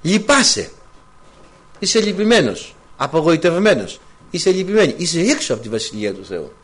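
A man's voice: fairly high pitch, sing-song, husky. A man preaching a sermon to his congregation, full of rhetorical questions and quoted scripture.

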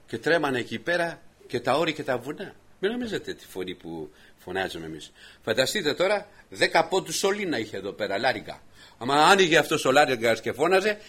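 Husky preacher guy, sermon, voice swings all over while telling the story. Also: medium pitch. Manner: animated storytelling, talks straight to the congregation.

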